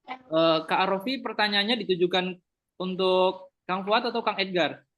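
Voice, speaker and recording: A man's voice: high voice, normal speed, fairly bright tone. A man moderating an online question session, polite and formal as he invites questions. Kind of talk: hosting an online Q&A.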